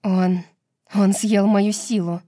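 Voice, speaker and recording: A woman voicing a fierce, sharp-tongued fighter woman. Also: medium pitch, fairly even intonation, takes it slowly, no echo, studio quality, natural voice.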